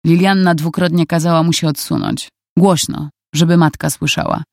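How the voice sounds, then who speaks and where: A narrator reading a novel aloud in calm, even scripted narration. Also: mid-range voice, moderate pace, gravelly, no room sound, clean studio sound.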